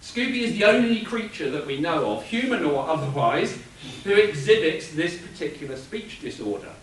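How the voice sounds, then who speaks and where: A man giving an animated, explanatory panel talk at a convention, chuckling now and then. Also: a little high, moderate pace, slight background noise. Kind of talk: lecture-style panel talk. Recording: echoey room from a distance.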